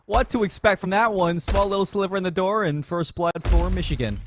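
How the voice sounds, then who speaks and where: A high-pitched man works as an esports caster, calling the action live. His delivery is excitable and moves between low murmurs and big loud calls. Faint game noise and gunfire sit behind the voice. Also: fairly quick. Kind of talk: live play-by-play esports commentary.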